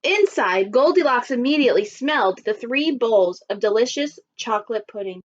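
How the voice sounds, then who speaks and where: A woman teacher reading a children's story aloud expressively and pausing to put questions to her listeners. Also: a little high, expressive. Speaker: primary school teacher. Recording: dull lo-fi recording.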